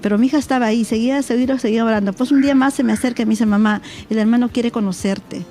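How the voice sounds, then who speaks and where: A woman's voice: on the high side, rapid-fire, mellow, faint music behind. A middle-aged woman with a Peruvian accent, a mother giving her testimony on a church talk show and acting out remembered dialogue. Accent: Peruvian Spanish. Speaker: interviewed mother.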